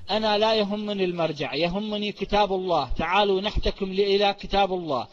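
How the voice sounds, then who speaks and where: A man's voice: high-pitched, fast talker. A man arguing in a firm, insistent, formal register, as in a debate. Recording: muffled recording in a reverberant hall.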